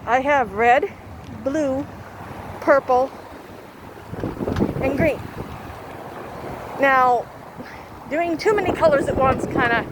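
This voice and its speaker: A woman chatting casually and haltingly to her vlog viewers, outdoors in strong wind. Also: sits high. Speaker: vlogger. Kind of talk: casual rambling vlog chat. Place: outdoors in windy weather. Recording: loud wind noise, outdoors.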